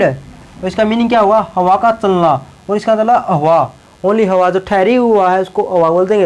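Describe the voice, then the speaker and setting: A man's voice: sits high, darkish tone, low-quality recording. A male teacher explaining English verb forms in Hindi, often repeating words and checking in with the class. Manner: repeats words and tags lines with a check-in phrase.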